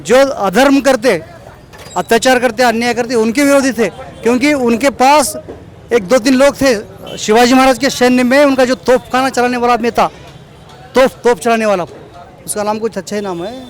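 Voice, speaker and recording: A man's voice: extremely high pitch, moderate pace, a faint crowd. A man being interviewed outdoors at a celebration, talking earnestly and repeating his points, with English words mixed into his speech. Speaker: local organizer interviewed at a celebration. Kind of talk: informal street interview.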